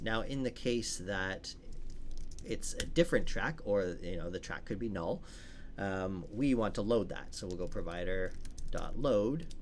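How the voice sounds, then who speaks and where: Explaining step by step while he works, a tutorial instructor walks through some code in a casual, informal manner. His voice sits low, and there's slight background noise.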